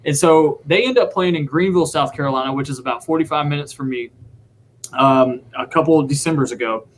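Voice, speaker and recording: Young adult male drummer, guest, animated storyteller, slightly raised pitch. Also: brisk, slight background noise. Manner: excited, rambling, acts out quotes. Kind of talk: casual storytelling.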